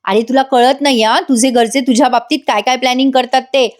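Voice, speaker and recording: A selfish young husband taunts his wife and heaps blame on her, with a woman reading the lines. The voice sits high and jumps higher when he shouts. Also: steady tone, brisk, natural voice. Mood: accusing. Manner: taunting, accusing.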